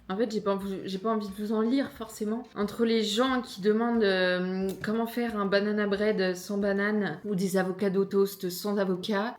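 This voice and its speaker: A woman in her twenties chatting casually to camera in a vlog, playful and self-mocking. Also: mid-range voice. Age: 20s. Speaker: lifestyle vlogger.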